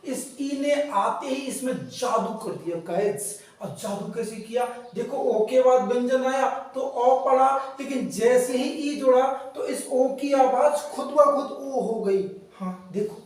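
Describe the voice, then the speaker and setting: Man teaching pronunciation real slow, stretches every example word, sounds far off in a super echoey room. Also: extremely high pitch, a little mellow. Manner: slow, drawn-out example words, asks learners questions. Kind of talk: classroom lesson.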